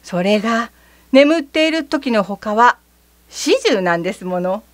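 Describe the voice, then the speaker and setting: A woman reading a children's storybook aloud in a high voice that rises and falls a great deal. She takes her time, gentle and slightly theatrical. She is close to the mic in a dry room. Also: animated, unhurried, no echo. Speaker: reader. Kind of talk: storybook narration.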